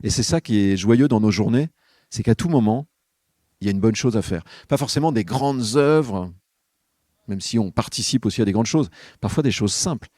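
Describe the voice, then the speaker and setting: Man, lowish voice, warm and dark tone, reflective homily, conversational, talks straight to listeners. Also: animated, moderate pace, no room sound, clean studio sound. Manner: conversational, addresses listeners directly. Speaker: podcast speaker on spiritual life.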